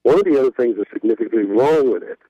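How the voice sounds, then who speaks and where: A man's voice: mid-range voice, lively intonation, racing, mellow, no echo. A man who manages a cab company speaks firmly and critically in a phone interview, stacking his points in lists, heard over a poor-quality phone line. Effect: poor-quality phone line audio. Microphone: cell phone. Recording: dull, dry phone-line audio.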